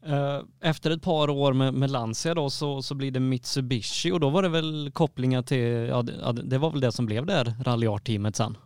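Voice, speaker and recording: A man's voice: medium pitch, hardly any pauses, a little mellow, smooth, no echo, clean studio sound. A man interviewing, giving short prompts and follow-up questions. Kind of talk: casual interview.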